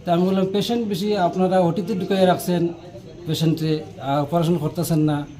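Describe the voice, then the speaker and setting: A man's voice: high voice, steady tone, fairly quick, warm tone, low-quality recording. A man, upset, telling a reporter outdoors what happened, speaking in regional dialect. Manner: distressed, recounting in regional dialect. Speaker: relative of the patient. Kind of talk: interview on the spot. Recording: faint background noise.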